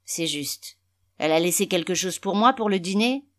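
A woman's voice: lowish voice, expressive, normal speed, close to an everyday voice. A woman voicing a bullying drunken father. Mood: gruff questioning. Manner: loud, barking, threatening. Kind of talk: storybook reading.

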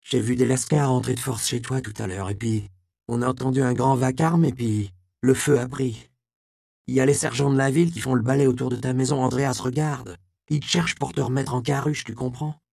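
A man reading an audiobook, voicing a loyal young prostitute who speaks in hurried, urgent slang. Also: mid-range voice, steady tone, creaky, a little mellow, no room sound, studio quality, pitched above the performer's own voice. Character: young street woman, frantic, loyal, crude slang.

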